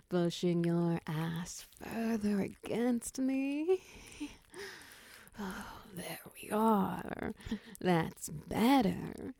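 Teasing, dominant oni lover played by a woman: dark, breathy, unhurried whisper right on the mic. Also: dry recording, full character voice. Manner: slow, low, half-whispered, teasing with soft chuckles. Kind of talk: intimate ASMR roleplay.

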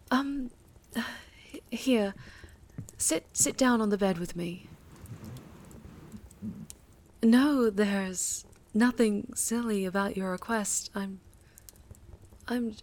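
A woman's voice: medium pitch, darkish tone. A woman voicing a seductive otherworldly warlock patron in an audio roleplay, teasing and whispery. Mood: flustered tender. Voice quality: breathy, whispery. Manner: teasing, purring, slow.

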